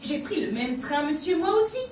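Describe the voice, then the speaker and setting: A woman acting a prim English wife who wonders aloud in a measured, formal way, in an amateur stage play. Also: high-pitched, expressive, darkish tone, distant mic. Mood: wondering. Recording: echoey stage from afar, noisy.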